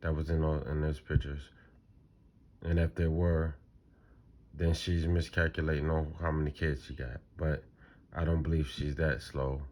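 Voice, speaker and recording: A man's voice: extremely low pitch, flat delivery, normal speed, darkish tone. A man hosting a reaction channel, talking casually and in disbelief about a clip he is watching. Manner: incredulous, repetitive, conversational.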